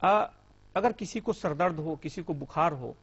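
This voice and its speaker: A man's voice: a little high, a little slow, slightly rough. A young man, a police officer, explaining earnestly and formally as a guest in a TV studio interview. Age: young adult. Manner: earnest, explanatory, formal Hindi with English terms. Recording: muffled TV broadcast audio.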